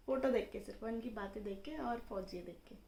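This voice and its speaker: A young woman casually telling the story of how she met her husband, in a lively conversational way. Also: a little high, brisk. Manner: chatty, animated, acts out dialogue in quotes. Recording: roomy echo with faint background noise.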